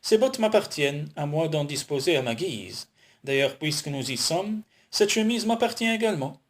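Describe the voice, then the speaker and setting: A man's voice: a little high, expressive, moderate pace, close to an everyday voice. A man voicing Kern, an intense, insistent male lover in a romance story. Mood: commanding.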